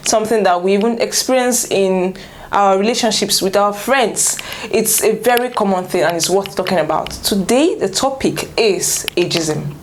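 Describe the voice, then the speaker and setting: A woman's voice: medium pitch, slight background noise. A woman hosting a casual discussion show, leading the talk with questions. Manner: leads with questions. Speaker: host. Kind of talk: casual panel chat.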